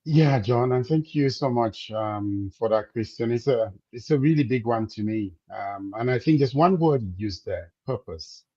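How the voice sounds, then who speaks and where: A man, a business coach speaking as a guest, measured and reflective, slowing down to stress his points. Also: medium pitch, mellow, slightly rough, no echo, muffled recording. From Cameroon. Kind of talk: conversational interview.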